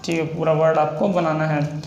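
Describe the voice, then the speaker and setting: A man with a Hindi accent, a shorthand teacher, explaining a lesson and slowly spelling out example words one by one. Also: on the high side, little pitch movement, darkish tone. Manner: slow, repetitive, drawn-out spelling of example words. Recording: echoey room with faint noise.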